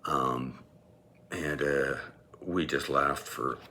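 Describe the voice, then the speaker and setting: A man with a very deep voice that still carries a bright, forceful edge tells a personal story from his years as a teacher. He talks casually and rambles, chuckling to himself as he goes. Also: very slow. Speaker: former teacher.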